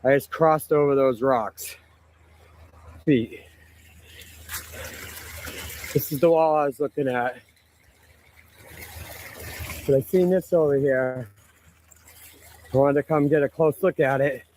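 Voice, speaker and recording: Breathless man vlogging outdoors. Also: medium pitch. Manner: excited, amazed commentary. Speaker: vlogger exploring ruins. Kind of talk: outdoor walking vlog. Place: outdoors by a river canal. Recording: noisy outdoor ambience.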